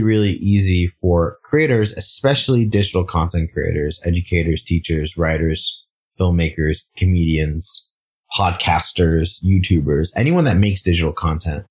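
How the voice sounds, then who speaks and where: Low-pitched man, from Singapore, startup founder, casual interview chat, fillers and restarts. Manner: relaxed, frequent fillers and restarts.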